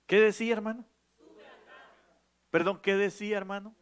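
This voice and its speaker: High-voiced preaching man. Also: fairly even intonation, normal speed, clean tone. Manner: preaching, rising to loud emphatic calls; asks the congregation questions. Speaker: pastor. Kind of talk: sermon. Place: church.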